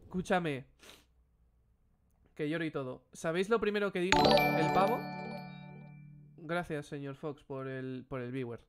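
A young man with a Spain Spanish accent, a streamer giving excitable, slangy reaction commentary and swearing freely. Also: on the high side, a little slow, long pauses, over loud music.

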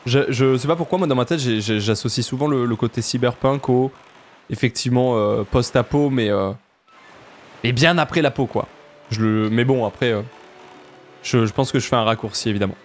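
Chatty southern French streamer. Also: male voice, moderate pace, a little hiss or hum. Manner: chatty, jokey, jumps to high pitch for emphasis. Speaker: let's play streamer. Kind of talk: casual gameplay commentary.

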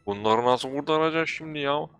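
A young man hosting a game video, talking in a loud, playful, exaggerated way while commenting on his role-play. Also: on the high side, brisk. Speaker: gaming channel host.

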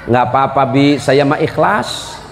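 A mild, soft-spoken middle-aged wife, as a male preacher puts her on, gentle and self-effacing, in a lowered voice. The words ring in a hall with long reverb and a faint crowd. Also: a little slow, vocal fry. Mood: meek.

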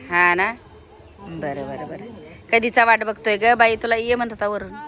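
A woman's voice: medium pitch, expressive, normal speed, pushed and bright, roomy sound. A young woman chatting on a family vlog, talking to viewers and coaxing her toddler along. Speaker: family vlogger. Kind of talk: casual family vlog chat. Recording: phone video with clear street noise.

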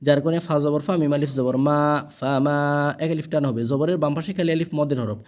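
A man teaching Quran reading, spelling out letters and vowel marks one by one. He stretches the recited words slowly and keeps checking that the learner follows. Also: on the high side, fairly even intonation, dark tone. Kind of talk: spelling-out Quran lesson, call and repeat.

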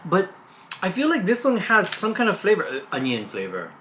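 A woman's voice: medium pitch, huge pitch swings, fairly quick, slight background noise. A woman hosting a food review, chatting casually and thinking aloud while tasting snacks.

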